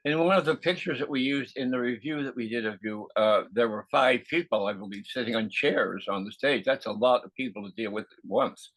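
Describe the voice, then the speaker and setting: A man interviewing casually, with a hesitant, halting way of putting things. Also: medium pitch, fairly bright tone, poor audio.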